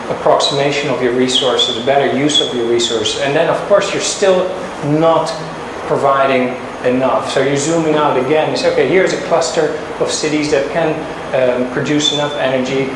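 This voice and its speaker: A doctoral candidate, a man with a voice on the high side, explains his work at his thesis defense in an academic presentation and discussion. He sounds hesitant, hedging and often repeating words. The room is very echoey, with clear background noise.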